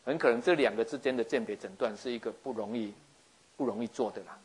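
A man giving a lively sermon, acting out scenes and often checking that his listeners follow. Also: medium pitch, fast, husky. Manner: animated, acts out scenes, keeps asking listeners if they follow. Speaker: preacher.

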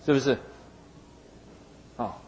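A man's voice: slow, darkish tone, rough recording. A man preaching, retelling a Bible story in a folksy way and acting out the figures in it. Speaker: pastor.

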